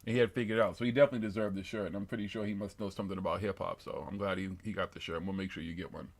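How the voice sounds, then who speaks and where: A podcast co-host in his fifties talks fast in a low-sitting voice with fairly even intonation. During a casual live-stream chat where he reads comments, he tells loose, profane, rambling stories.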